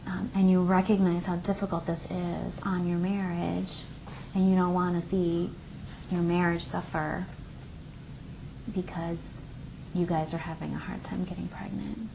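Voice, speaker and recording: A woman playing a calm couples therapist in a role play, gently probing and reflecting in a hesitant way. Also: on the low side, unhurried, vocal fry, a little hiss or hum, low-quality recording.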